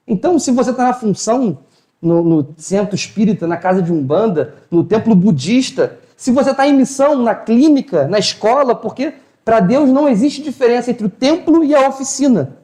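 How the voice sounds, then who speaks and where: A man's voice: extremely high pitch, expressive, moderate pace, warm tone. A man giving an informal spiritual talk, telling stories in colloquial slang and acting out the dialogue. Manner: colloquial storytelling, acts out dialogue. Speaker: spiritual lecturer. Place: hall of a spiritual house. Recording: roomy echo.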